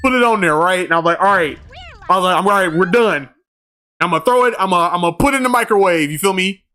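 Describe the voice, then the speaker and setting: A man streaming a game, chatting casually and telling stories in animated slang, laughing often. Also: high-pitched, fast talker. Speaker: gaming streamer. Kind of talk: casual livestream chat.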